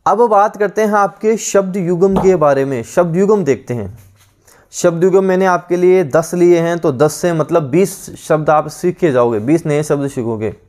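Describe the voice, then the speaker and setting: A man's voice: on the high side, moderate pace, darkish tone. A male teacher giving an online exam-prep lesson, drilling words by repeating each one several times.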